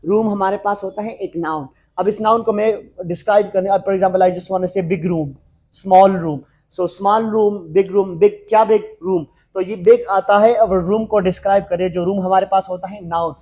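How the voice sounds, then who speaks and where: A man's voice: high voice, fairly even intonation, unhurried, darkish tone. Teacher, male, patient classroom explainer, repeats points, easygoing fillers. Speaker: English teacher. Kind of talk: mixed Hindi-English grammar lesson.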